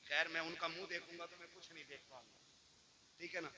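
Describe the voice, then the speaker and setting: A preacher addresses a congregation in a fairly high male voice. He exhorts them and keeps asking for agreement. The sound is echoey, with long hall reverb and a crowd around him. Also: steady tone, fast talker. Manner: exhorting, checks often for audience agreement. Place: large religious gathering, on microphone.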